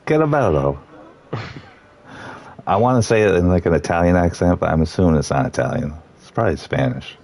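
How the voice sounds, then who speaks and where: A man commentating live on a sim race, reading out the starting grid in a relaxed, joking way. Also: deep voice, fast, gravelly, few pauses.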